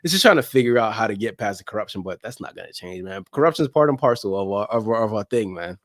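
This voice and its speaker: A soccer podcast creator, appearing as a guest, chats in an animated, casual interview, emphatic and slangy and often repeating phrases to drive a point home. His fairly low voice is lively and quick, captured in studio quality with no room sound.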